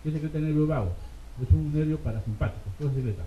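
A man's voice: a little high, very fast. Man lecturing on a tinny, echoey recording. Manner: rhetorical questions, frequent "ok?" check-ins. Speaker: medical exam lecturer.

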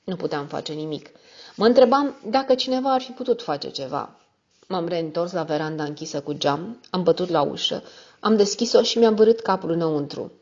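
A woman narrating an audiobook in a calm, measured manner. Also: on the low side, highs cut off.

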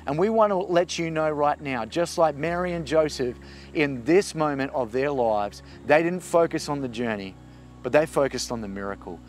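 A man's voice: fairly high pitch, animated, normal speed, slight background noise. A man, a pastor giving an earnest, encouraging sermon on a forest path. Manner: earnest, encouraging preaching with emphatic rises. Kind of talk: outdoor video sermon. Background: soft music.

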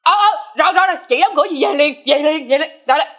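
A bickering older sister who sells food on the street, in a comic family melodrama. Her voice is very high and bright, and she fires her lines off fast. She is quick-tongued and ready to argue. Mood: brassy. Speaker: actress.

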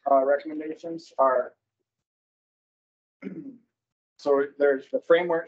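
A man presenting wildlife season recommendations at a public board meeting, speaking haltingly with many fillers and self-corrections over a video call. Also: medium pitch, darkish tone. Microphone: computer mic on a video call. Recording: dull lo-fi video call audio.

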